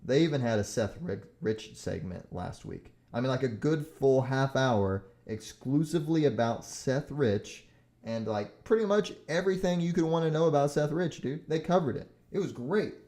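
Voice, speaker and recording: A man's voice: medium pitch, expressive, moderate pace, dark tone. A young man hosting a solo podcast, rambling with many fillers, swearing and getting heated as he talks. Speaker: podcast host.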